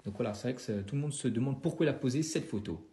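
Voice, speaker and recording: A man recapping football news quickly, peppering his speech with fillers. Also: mid-range voice, mellow, echoey room. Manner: rapid, filler-heavy with frequent "hein".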